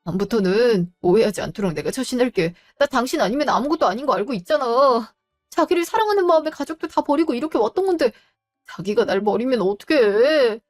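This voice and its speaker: Woman doing husband, begging, whiny, story drama, soft music behind. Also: fairly high pitch, lively intonation, a little fast, close to an everyday voice. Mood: pleading. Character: pleading unfaithful husband, grown man.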